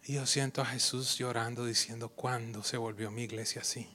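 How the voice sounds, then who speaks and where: A man preaching a sermon as pastor, swinging from loud, animated delivery to hushed near-whispers and mocking imitations of others. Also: medium pitch, brisk, a little hiss or hum. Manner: acts out quoted voices mockingly.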